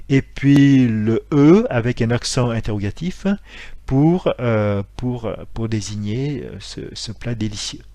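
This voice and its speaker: A man's voice: mid-range voice, dark tone, no room sound. Man explaining letters, dry sound. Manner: hesitant, many fillers and self-corrections. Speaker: martial arts instructor. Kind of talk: lesson.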